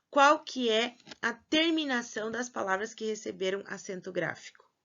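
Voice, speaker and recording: A woman teacher, giving a recorded grammar lesson to pupils, slow and patient, often checking in with her class. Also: mid-range voice, bright, forceful tone, clean tone. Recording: dull lo-fi recording.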